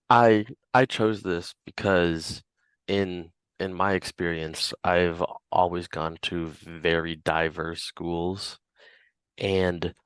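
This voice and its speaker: Young guy on a student podcast, deep gravelly voice, slow and halting. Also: fairly bright tone, no room sound. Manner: halting, with repeated words. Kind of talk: casual student podcast discussion.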